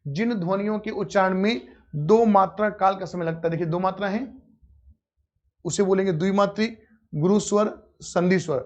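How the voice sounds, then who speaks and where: A man's voice: sits high, normal speed, long pauses. A man teaching grammar in a live online class, calling his students "beta" and answering his own questions. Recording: dull lo-fi audio.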